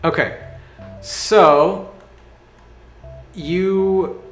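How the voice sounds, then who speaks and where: Slow, halting male game master, echoey room. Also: high-pitched, steady tone. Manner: halting, thinking aloud. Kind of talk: casual tabletop game narration. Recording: echoey room, faint music behind.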